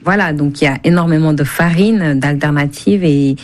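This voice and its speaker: A low-pitched, slightly mellow woman's voice at a moderate pace belongs to a cookbook author and food blogger from Senegal. Appearing as a radio interview guest, she explains things conversationally and keeps rephrasing.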